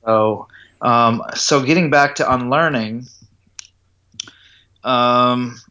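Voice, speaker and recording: A man's voice: mid-range voice, extremely slow, pushed and bright, dull audio. Man explaining golf putting instruction. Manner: explanatory, checks in with "does that make sense". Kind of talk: interview conversation.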